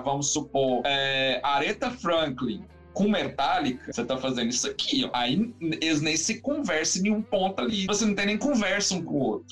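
A man talks about his music in a loose, rambling interview, his voice sitting a touch high, and he keeps restarting his sentences. Faint music plays behind him. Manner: rambling, animated, lots of fillers and restarts. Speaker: musician guest. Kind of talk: casual interview chat.

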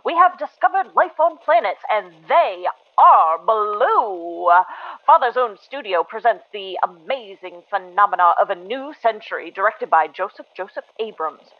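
A woman's voice: mid-range voice, expressive, measured pace. A woman announcer cuts in with a hijacked-broadcast news bulletin, hyping a retro sci-fi picture in old-time slang, heard through a lo-fi old radio filter. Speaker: announcer in a sponsor spot. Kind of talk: retro sci-fi movie trailer read as a breaking news bulletin. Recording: tinny lo-fi old radio sound.

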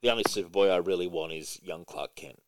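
A man hosting a casual comics podcast, talking in an animated way with frequent fillers and some swearing. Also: low-pitched, quick pace, a little hiss or hum. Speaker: podcast host.

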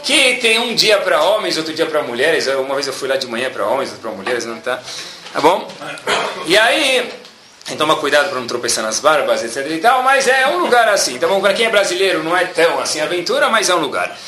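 A man, giving a sermon as a religious teacher and telling stories in a lively, animated way, often checking in with his listeners. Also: a little high, fast, crowd noise. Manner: keeps asking "tá bom?" as a check-in. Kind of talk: sermon with storytelling. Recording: echoey room.

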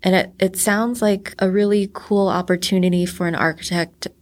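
A woman's voice: mid-range voice, fairly even intonation, moderate pace. A woman host interviewing a guest, asking long, rambling, curious questions. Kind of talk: conversational interview.

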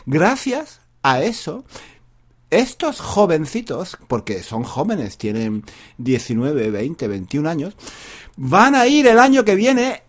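A man, a university Spanish teacher, talking slowly and repeating each phrase for learners in a playful, joking way. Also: fairly high pitch, huge pitch swings. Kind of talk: slow, repetitive Spanish practice monologue for learners.

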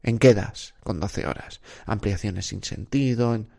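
Gravelly man coaching exam candidates. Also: on the low side, unhurried, mellow. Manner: direct, exhorting, rhetorical questions. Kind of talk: unscripted motivational podcast talk.

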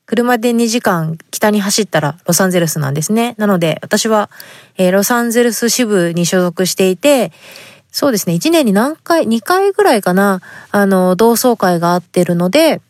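A woman's voice: mid-range voice, animated, moderate pace, no echo, studio quality. A woman from Fukuoka, Japan, hosting a podcast and reading listener letters in a polite, chatty way with frequent fillers. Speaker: podcast host.

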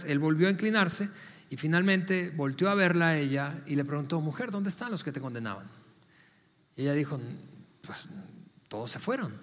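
A man's voice: fairly high pitch, big-room sound. A man preaching a sermon as pastor, speaking conversationally, asking the congregation direct questions and often repeating and restarting words.

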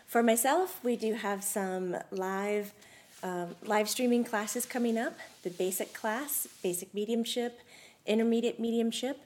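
An excitable woman hosting a live-streamed talk show, her voice in the middle of the female range. She talks in a bubbly, chatty way, running through welcomes and announcements. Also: medium pitch. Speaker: host. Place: studio room.

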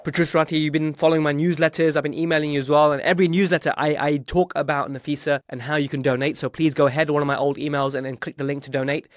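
A man with a slightly high voice talks very quickly as a podcast host. His delivery is chatty, informal and enthusiastic, and the recording is dry and close. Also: level tone, dry recording.

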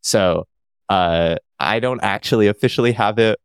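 A man's voice: lowish voice, normal speed, clean tone, no room sound, studio quality. A man from Canada chatting as a podcast guest, rambling and joking at his own expense. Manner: rambling, self-deprecating, jokey. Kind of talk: casual chat.

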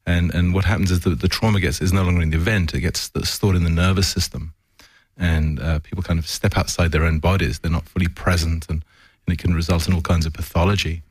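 A man with a very low voice explains his therapy work, pausing and circling back as he searches for words. The sound is dry and close, with no room around it. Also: fairly even intonation, slightly rough, no echo. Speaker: trauma therapist. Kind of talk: explaining in an interview.

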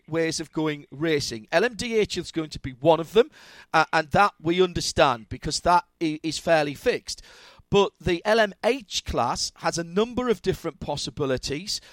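A man's voice: on the high side, no room sound. A man hosting a motorsport interview, asking long questions in an enthusiastic, conversational way. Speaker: podcast host interviewer.

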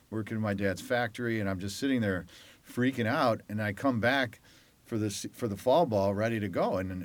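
A man's voice: lowish voice, dry recording. A man from Detroit, a former college lacrosse player, telling his story as an interview guest and acting out what others said. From Detroit, Michigan. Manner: animated storyteller who acts out quoted voices. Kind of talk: conversational storytelling.

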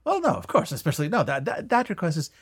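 A man's voice: fairly high pitch, huge pitch swings, quick pace, husky, no room sound, studio quality, heavily acted. A man voicing an eager, flustered woman real estate agent who talks in over-accommodating, stammering sales patter. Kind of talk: tabletop role-play voice.

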